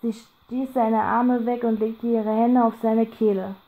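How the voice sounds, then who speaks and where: A woman narrating a horror audiobook in a calm, measured storytelling voice. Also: on the high side, narrow, tinny audio.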